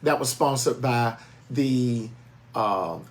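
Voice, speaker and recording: A man's voice: mid-range voice, slow. A middle-aged man, a pastor talking informally and reflectively, repeating phrases for emphasis. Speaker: pastor and co-host.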